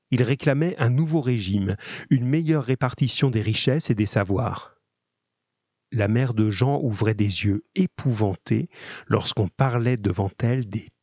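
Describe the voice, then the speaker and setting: A man reading a novel aloud in steady, measured narration. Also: on the low side, dry recording, highs cut off. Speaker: audiobook reader.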